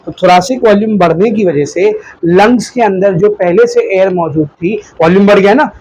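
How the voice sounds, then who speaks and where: A man's voice: sits high, moderate pace, darkish tone, rough recording. A male biology teacher giving a classroom lecture in a mix, asking questions and having the class answer back. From India. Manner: drills students with call-and-response questions.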